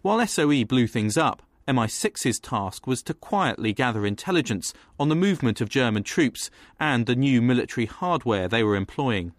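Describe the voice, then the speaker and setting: A man giving scripted documentary narration in a measured, even delivery. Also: mid-range voice, no echo, studio quality.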